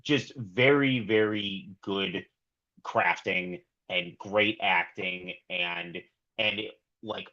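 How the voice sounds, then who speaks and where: Podcast co-host, male, bright forceful tone, lowish pitch, lo-fi capture. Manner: enthusiastic, halting with restarts. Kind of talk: casual film review chat.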